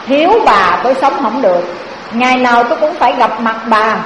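A woman's voice: fairly high pitch, expressive, a little fast, fairly bright tone, slight background noise. A woman voicing a demanding, dying rich old man in a sermon parable, in an echoey hall. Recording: echoey hall with faint ambience.

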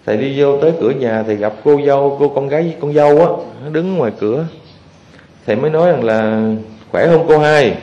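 A man, a Buddhist monk, preaching to his followers in a lively storytelling manner and often asking the audience questions. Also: mid-range voice, fast talker, muffled recording. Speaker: Buddhist monk giving a dharma talk. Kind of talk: sermon to lay followers. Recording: echoey hall.

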